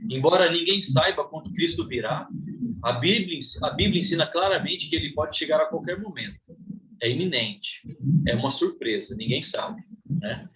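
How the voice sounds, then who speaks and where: A man's voice: a little high, expressive, moderate pace, dull audio. A man with a Brazilian accent teaching a Bible study class, reading scripture aloud and explaining it, often checking in with "né?". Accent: Brazilian Portuguese. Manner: reads scripture aloud, then explains with frequent "né?".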